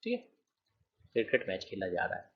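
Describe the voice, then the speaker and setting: A man's voice: deep voice, huge pitch swings, fairly quick, vocal fry, husky, dull audio. A man teaching a grammar lecture, explaining with counted examples and often checking that students follow.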